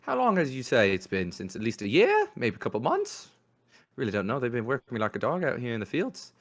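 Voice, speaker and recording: A man's voice: mid-range voice, sing-song, normal speed, pitched above the performer's own voice. A man voicing a scrappy young street urchin boy who talks in a chatty, wheedling way with a put-on accent. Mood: cheeky.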